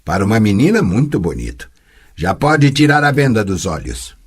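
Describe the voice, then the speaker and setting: A man voicing a gruff, mocking male swordsman who trains a girl, speaking bluntly in an audiobook. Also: on the low side, huge pitch swings, normal speed, full character voice. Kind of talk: audiobook character voice.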